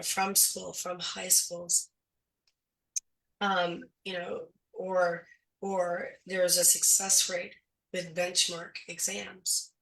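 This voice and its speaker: Low, gravelly woman losing her voice. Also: a bit bright, far from the mic, rough recording. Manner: thoughtful, explanatory, many fillers. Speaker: school board candidate. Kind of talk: casual discussion.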